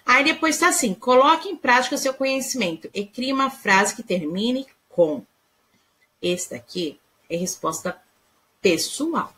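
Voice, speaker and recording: A Brazilian woman teacher with a fairly high voice. Her pitch rises and falls a lot as she walks young pupils through the lesson patiently, step by step. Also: lively intonation, measured pace, fairly bright tone. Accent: Brazilian Portuguese. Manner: patient, explains step by step with frequent "tá?". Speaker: primary school teacher. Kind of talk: recorded remote class explanation.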